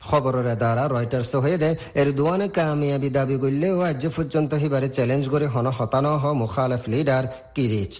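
A man's voice: medium pitch, a little mellow. A man reading scripted radio news in a formal newsreader's style. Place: radio studio.

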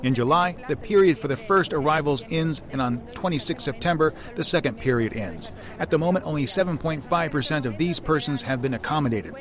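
A man's voice: fairly high pitch, animated, a little fast, hardly any pauses, crowd noise. Man as live interpreter voice. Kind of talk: live interpreter voice, translating a speech.

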